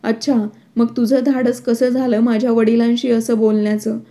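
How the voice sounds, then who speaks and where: A woman voicing a sharp-tongued, hot-headed young husband in a storybook reading. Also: fairly high pitch, flat delivery, normal speed, close to an everyday voice.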